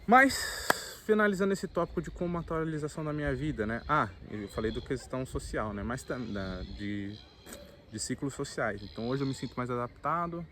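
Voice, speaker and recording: A man in his late twenties with a Brazilian Portuguese accent, talking to the camera in a relaxed, slangy, reflective way. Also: mid-range voice, a little fast, noisy background. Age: late 20s. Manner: laid-back slangy talk, frequent filler tags. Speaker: vlogger. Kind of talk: casual reflective monologue. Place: outdoors at a campsite.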